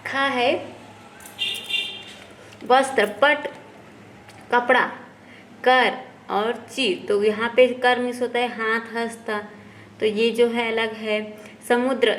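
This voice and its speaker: A woman teacher slowly going through textbook exercises, often asking a question and then answering it herself. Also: fairly high pitch, steady tone, fairly bright tone, slight background noise. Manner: slow, explanatory, often asks and answers herself. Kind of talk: textbook lesson walkthrough.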